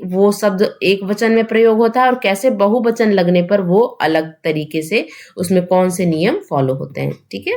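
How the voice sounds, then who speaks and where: A woman teaching an exam-prep grammar lesson at an ordinary, mid-range pitch. She explains each rule step by step, posing questions to her students and answering them herself, and often checks in with a quick tag question.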